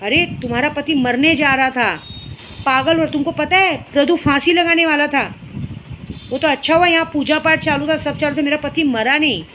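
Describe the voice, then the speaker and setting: A woman's voice: sits high, moderate pace, a bit bright. A young woman speaking straight to the viewer, confronting and scolding a rival in a heated, emotional monologue, with faint noise behind her. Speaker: vlogger addressing a rival. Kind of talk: emotional direct-to-camera monologue.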